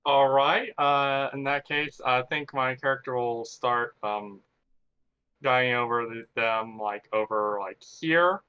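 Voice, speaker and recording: A man playing in a tabletop game, talking casually in a halting, hesitant way. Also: medium pitch, smooth, lo-fi sound. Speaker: player. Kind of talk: casual play chat.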